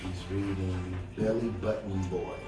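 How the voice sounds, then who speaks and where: A man's low, steady voice moves a little slowly through a children's storybook, mixing in casual, encouraging chat and questions for his listener. Background music plays, and the recording has an echoey room sound from a far-off mic.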